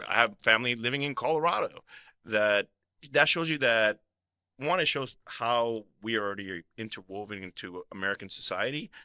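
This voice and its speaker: A man's voice: medium pitch, normal speed, pushed and bright, clear, resonant tone, dry recording. A man born in Puerto Rico and raised in Florida, co-hosting a podcast, talking in an earnest way and often restarting his sentences. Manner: earnest, restarts and repeats words. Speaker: podcast co-host. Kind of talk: conversational advocacy discussion.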